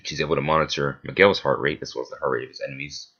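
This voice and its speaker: A man's voice: a bass voice, fairly even intonation, racing, bright, forceful tone, breathy edge, lo-fi sound. A man giving analytical commentary in a methodical, matter-of-fact way with casual asides, on a close voice-over mic. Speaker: video essayist debunking a versus match-up.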